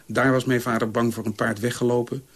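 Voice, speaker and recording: A man reading a personal memoir aloud in a calm, measured way. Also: mid-range voice. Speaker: reader.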